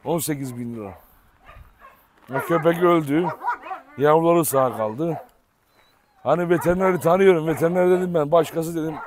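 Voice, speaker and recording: Man vlogger, slightly high voice, tired and frank, dogs barking behind. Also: moderate pace, long pauses, noisy background. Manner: weary, frank, speaks straight to viewers. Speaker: vlogger and dog keeper. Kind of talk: casual vlog talk to viewers. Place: outdoor yard with many dogs.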